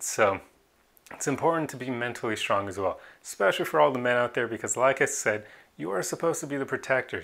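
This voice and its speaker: A man with a gravelly edge to his mid-pitched voice talks straight to the camera in a casual vlog. He is earnest and opinionated and breaks into a short laugh now and then. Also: fairly bright tone. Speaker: vlogger.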